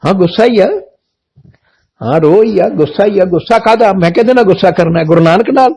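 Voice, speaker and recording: Man, preacher, high voice, blunt soldierly delivery, emphatic rhetorical questions. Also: brisk, breathy edge. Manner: blunt, forceful military-style way of speaking. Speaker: Sikh preacher. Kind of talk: religious sermon talk.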